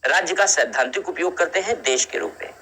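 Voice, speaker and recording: A man teaching a lecture to students, repeating key phrases and calling them children, and speaking slowly because of a headache. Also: a little high, big pitch swings, creaky, bright, forceful tone, a little hiss or hum, poor audio. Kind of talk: classroom lecture.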